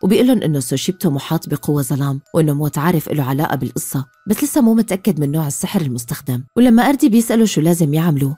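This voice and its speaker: A woman with a Levantine Arabic accent narrating a film recap in a brisk, even storytelling style. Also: low voice, slightly rough, no room sound.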